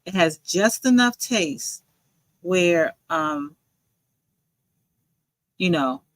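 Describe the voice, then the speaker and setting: A woman's voice: fairly low pitch, animated, very slow, no echo, rough recording. Woman, livestream host, rambling casual chat, dry close sound. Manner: chatty, rambling, reads viewer comments aloud. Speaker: livestream host and joy coach.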